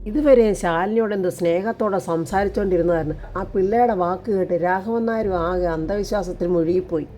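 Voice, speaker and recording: A woman's voice: mid-range voice, quick pace, mellow, slight background noise. A woman narrating a TV serial episode in a casual, colloquial storytelling way, reading out the characters' lines. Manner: colloquial, retells scenes and reads out dialogue.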